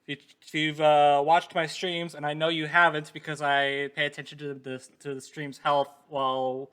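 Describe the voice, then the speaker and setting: A man hosting a podcast in casual chat, often filling pauses with ums and laughing. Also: a little high, level tone, a bit bright, smooth. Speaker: podcast host.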